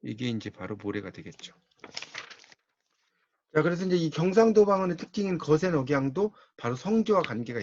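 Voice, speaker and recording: A man's voice: a little high, a little mellow, dry recording, muffled recording. A man with a Gyeongsang accent giving a university-style lecture on Korean linguistics, explaining patiently and repeating key words.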